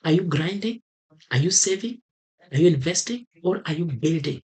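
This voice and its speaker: Speaking with a Kenyan accent, a man from Kenya gives an earnest motivational talk to camera as a vlogger, repeating his core advice for emphasis. His slightly high voice is animated with a darkish tone, at a moderate pace.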